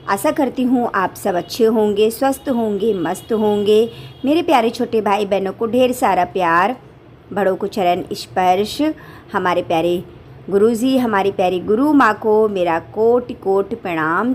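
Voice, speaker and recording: A woman vlogging casually from her home kitchen on a handheld phone, warmly calling her viewers family. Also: mid-range voice, moderate pace, a little hiss or hum. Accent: Hindi. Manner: affectionate, repeatedly addresses viewers as family. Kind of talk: casual daily vlog chat.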